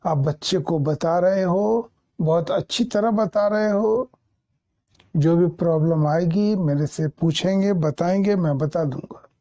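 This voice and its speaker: A male English teacher in a doubt-clearing class, explaining patiently and repeating points, often checking that students follow. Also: high voice, dark tone.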